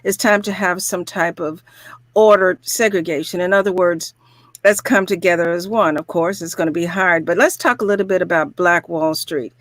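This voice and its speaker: A woman's voice: on the low side, moderate pace, no echo. A woman hosting a radio talk show, speaking in a fervent, preaching way and leading the conversation with questions. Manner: fervent, preaching tone with spiritual framing.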